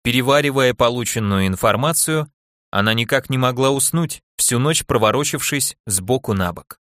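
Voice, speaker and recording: In clean studio sound with no room noise, a man narrates an audiobook from a script. His medium-pitched voice keeps a moderate pace and a steady, even storytelling manner.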